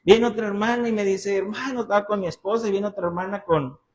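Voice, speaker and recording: A man's voice: high voice, quick pace, slight background noise. A young man with a Mexican accent preaching an expository sermon in church, telling stories and acting out the people he quotes. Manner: animated storytelling, acting out quoted voices. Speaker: pastor.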